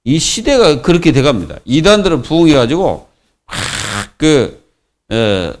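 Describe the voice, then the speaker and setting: A man's voice: mid-range voice, sing-song, a little slow. A man preaching a Friday sermon as pastor, in a colloquial, repetitive way with many fillers. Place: church.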